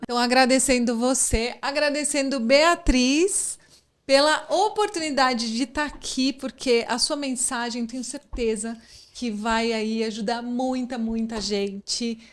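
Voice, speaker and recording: A woman's voice: a little high, a little slow. A Brazilian woman hosting a podcast in a casual, effusive and thankful way. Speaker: podcast host.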